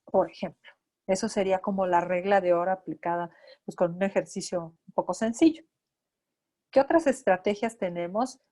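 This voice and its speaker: Woman, therapist lecturing residents, explanatory, mid-pitched voice. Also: normal speed, warm tone. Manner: explanatory, acts out examples of talking to children. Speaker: auditory-verbal therapist teaching residents.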